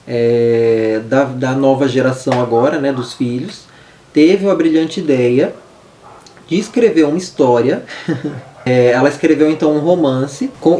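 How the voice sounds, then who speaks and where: A Brazilian man reviews a book in a loose, chatty way. His voice is mellow and relaxed, with a lisp and hissing sibilants from talking with braces. He sounds some way from the mic in an echoey room, with faint noise. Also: a little high. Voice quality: lisping, hissy sibilants from wearing dental braces. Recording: roomy echo, distant mic, faint noise.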